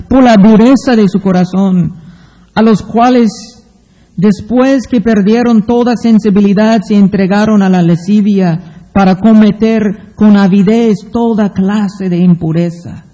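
A man preaching a sermon, reading Bible passages aloud in a slow, deliberate way. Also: high-pitched, steady tone, dark tone. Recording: long hall reverb.

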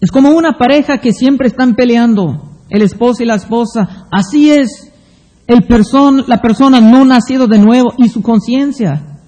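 Male preacher, very high mellow voice, slow measured sermon with scripture reading, long hall reverb. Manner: slow, deliberate preaching, reads Bible passages aloud.

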